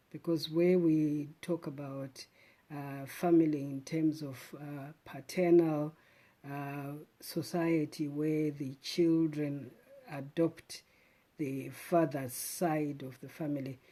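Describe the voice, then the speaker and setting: A middle-aged woman talks to her live-stream viewers in a low, mellow voice. She speaks in a thoughtful, unhurried way, often pausing on "um" and "uh" and restarting sentences. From Zimbabwe. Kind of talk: casual reflective live stream talk.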